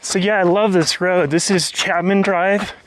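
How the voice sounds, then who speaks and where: A man's voice: high voice, steady tone, a little slow, over music. A man hosting a vlog, talking casually and explaining things as he goes, recorded outdoors on a trail. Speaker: vlog host.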